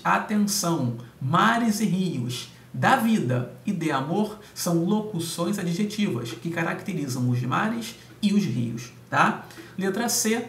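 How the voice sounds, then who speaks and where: A man's voice: a little high, vocal fry. A man teaching grammar, going through exam answers step by step and often checking in with his students. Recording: echoey room, distant mic, faint hum.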